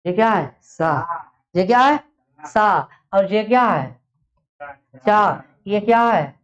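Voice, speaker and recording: A woman teacher giving a grammar lesson, who asks the class questions and then drops low and soft to give the answers herself. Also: lively intonation, slow, dull audio.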